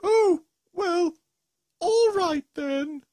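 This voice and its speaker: The host voicing a Gruffalo monster who is scared of mice, speaking high and theatrically. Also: extremely slow, a little mellow, no room sound, studio quality, full character voice. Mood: whiny. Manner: squealing, panicky, theatrical.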